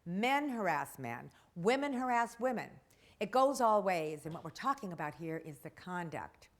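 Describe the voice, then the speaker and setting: Brief: female trainer, lively pitch, brisk and joking. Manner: brisk, plain-spoken, jokey. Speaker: workplace trainer. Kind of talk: training presentation.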